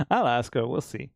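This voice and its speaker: A man, an indie game developer, chatting casually on a stream, relaxed and laughing often. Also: mid-range voice, gravelly, dry recording. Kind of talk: casual chat on a dev stream.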